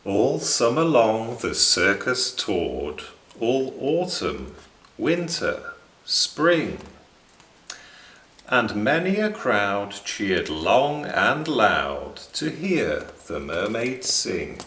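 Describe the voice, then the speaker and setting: Male children's story narrator: slow, rather low, expressive and animated, recorded in an echoing room. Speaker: story reader.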